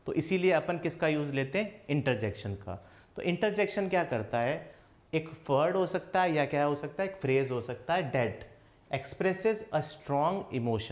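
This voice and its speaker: A man teaching English grammar in a coaching class. He keeps asking questions and answering them himself, and he says his English examples slowly. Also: on the high side. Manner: slow, spelled-out English examples. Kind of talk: classroom lesson.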